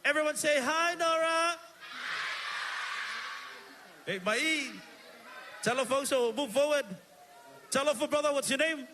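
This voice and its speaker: A man with a Samoan accent emceeing a live evening stage show, energetic and calling out to the crowd while switching between Samoan and English on a handheld microphone. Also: extremely high pitch, a little slow, pauses often, noisy background. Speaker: master of ceremonies.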